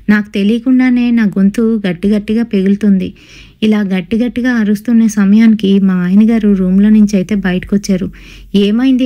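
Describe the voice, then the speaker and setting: A woman tells a ghost story in the first person. She talks in a breathless, dramatic way and keeps repeating words for effect. Her tone is extremely bright and sharp, at a middle pitch.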